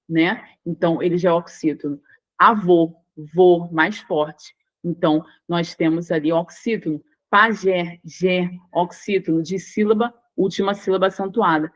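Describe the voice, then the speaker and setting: Brazilian woman, language teacher, mid-pitched voice, stresses each syllable, checks in with students. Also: poor audio. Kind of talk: online exam-prep lesson.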